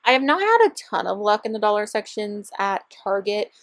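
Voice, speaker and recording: A woman's voice: mid-range voice, very animated, brisk, a bit bright, dry recording. Bubbly young woman chatting about shopping finds. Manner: bubbly, chatty, gushing over cute finds. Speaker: vlogger. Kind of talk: shopping vlog voiceover. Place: parked car.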